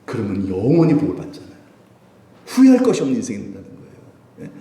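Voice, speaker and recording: A middle-aged male pastor preaching a sermon at a midweek prayer service, lively and playful, acting out voices and laughing as he speaks. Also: fairly low pitch, fast, echoey room. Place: church sanctuary.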